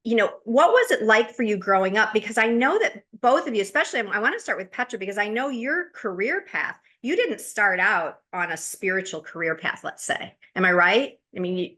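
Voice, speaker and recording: Bright-voiced American woman hosting. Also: medium pitch, animated, a little fast, few pauses. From United States. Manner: chatty, with frequent fillers and restarts. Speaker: podcast host. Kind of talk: casual interview introduction.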